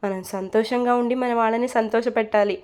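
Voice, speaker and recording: A woman's voice: fairly high pitch, fairly even intonation, a little fast, darkish tone, close to an everyday voice. Woman doing a chatty middle-aged mom-in-law, fond, a bit scolding. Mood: homely.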